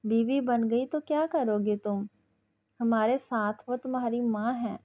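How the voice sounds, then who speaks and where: Storybook reading: woman voicing a scheming mother, reproachful, slightly high. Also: steady tone, dark tone, lightly acted. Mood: scolding. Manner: reproachful, scolding. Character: domineering middle-aged mother, bitter and scheming.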